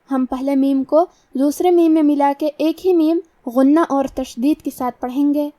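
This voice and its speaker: A woman with a Pakistani Urdu accent teaching tajweed, explaining each pronunciation rule step by step before reciting slowly. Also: sits high, dark tone, dry recording, distant mic. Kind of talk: tajweed lesson with slow recitation.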